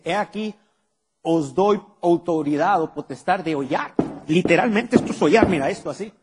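A man's voice: high-pitched, breathy edge. A male pastor preaching a sermon to his congregation and firing rhetorical questions at them. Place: church hall with a congregation. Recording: long hall reverb.

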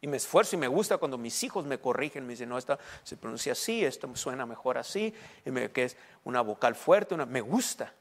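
A man's voice: medium pitch, very animated. Spanish-speaking male pastor, conversational preaching. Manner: conversational preaching, frequent check-ins with listeners; emphatic, slows down on key words. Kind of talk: sermon.

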